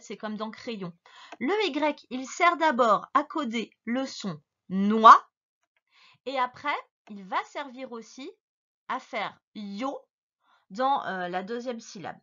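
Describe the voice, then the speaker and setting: A woman teacher giving a slow dictation lesson to a young child, patiently stretching words and spelling them out letter by letter. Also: a little high, fairly bright tone, highs cut off.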